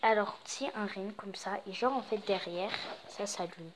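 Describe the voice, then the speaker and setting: There's background noise behind this medium-pitched woman, who talks at a normal speed. She's a young vlogger loosely showing off the Christmas decorations around her home in a casual tour, with many fillers.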